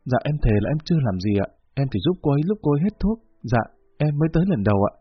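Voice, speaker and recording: A man's voice: mid-range voice, fast, slightly rough, no room sound, natural voice. A man voicing a timid young man who talks in a flustered, deferential way, on a dull lo-fi recording. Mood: pleading. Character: timid young man, humble before his boss.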